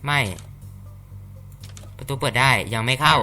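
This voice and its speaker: A man's voice: medium pitch, fairly even intonation, a little slow, sharp tone, soft background music. A man hosting a gaming channel, chatting casually and reacting aloud as he plays through a horror map. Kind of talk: casual game commentary.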